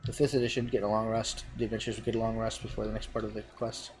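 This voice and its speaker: A man giving relaxed, casual gameplay commentary and reading game text aloud. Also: on the low side, rapid-fire, slight background noise. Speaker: gamer.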